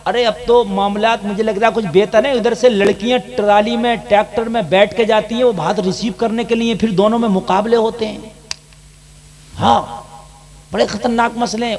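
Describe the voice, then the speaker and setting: A male Islamic preacher, delivering a fiery sermon to a crowd, swinging from soft asides to shouted appeals. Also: high voice.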